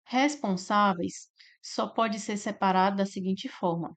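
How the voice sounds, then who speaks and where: A woman with a Brazilian Portuguese accent teaching a grammar lesson for exam prep. She explains step by step, slowly drawing out syllables and checking in with "né?" and "tá?". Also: medium pitch. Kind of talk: slide-based grammar lesson.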